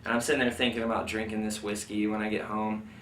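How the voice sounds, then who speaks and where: Talking fast in a lowish, fairly bright voice with little pitch movement, a man recalls his military service for an interviewer. His speech is loose and rambling, heavy with "like" and "you know." Faint noise and a distant, roomy mic sound run through it.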